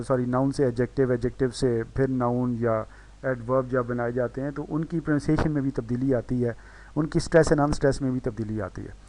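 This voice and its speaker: Patient man teaching pronunciation slowly. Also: medium pitch, darkish tone. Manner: explains patiently, repeats example words slowly; self-correcting with "sorry". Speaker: English teacher. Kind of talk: recorded lesson.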